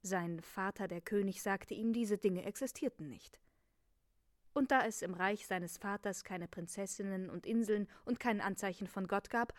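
Woman reading a measured narration. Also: mid-range voice, no room sound, studio quality. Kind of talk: scripted narration.

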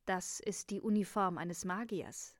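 Calm old storybook king, read by a woman narrator. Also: mid-range voice, measured pace, no room sound, studio quality, close to an everyday voice.

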